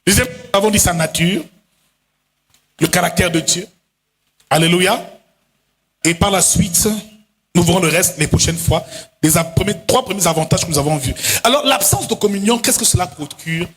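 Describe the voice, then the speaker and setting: A male pastor preaching a sermon in a chanting, sing-song style, now and then breaking into shouted lines and quickly acting out other voices. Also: high-pitched, slight background noise. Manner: acts out voices in quick asides. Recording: long hall reverb.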